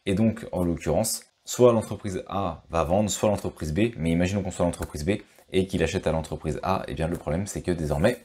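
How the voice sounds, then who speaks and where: A man's voice: low-pitched, a little fast, few pauses, dark tone, breathy edge. A man with a French accent explaining stock market risks to his viewers in a casual way, with many fillers and restarts. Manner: thinks aloud with frequent fillers and restarts.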